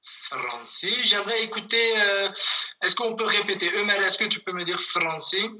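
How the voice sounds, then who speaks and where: A language teacher giving an online lesson over a video call, patiently repeating words slowly for students. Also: mid-range voice, expressive, pushed and bright, poor audio.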